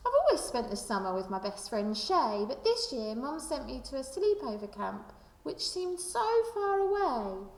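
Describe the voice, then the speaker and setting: Like a primary school teacher at story time, a high-voiced woman reads from a children's picture book with deliberate, expressive delivery. The room is echoey, and her words trail off in long reverb.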